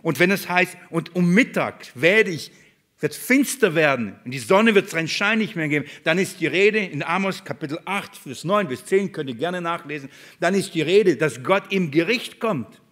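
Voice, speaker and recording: A man preaching a sermon in a church, his voice sitting a little high. He poses questions to the congregation and answers them, swinging from loud declarations down to hushed lines. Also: lively intonation, moderate pace.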